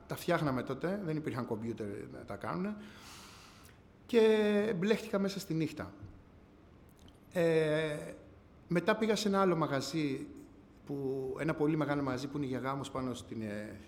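A man giving a personal testimony to a church gathering, telling his story earnestly, often rising and falling in pitch and loudness. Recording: long hall reverb, faint background noise.

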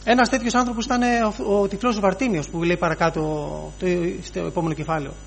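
A man preaching a sermon, pausing often, repeating phrases and inserting "he says" as he retells scripture. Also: high-pitched, steady tone, a little hiss or hum.

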